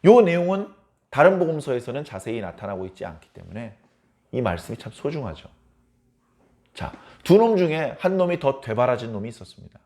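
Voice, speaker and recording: A man's voice: mid-range voice, sing-song, a little fast, dark tone. A male pastor giving a dawn service sermon, retelling the story vividly with acted quotes.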